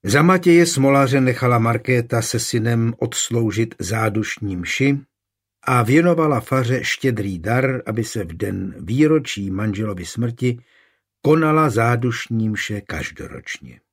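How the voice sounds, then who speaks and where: A man reads a historical novel aloud, measured and even. His middle-pitched voice is husky, with a breathy grain throughout. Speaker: narrator. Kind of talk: audiobook narration.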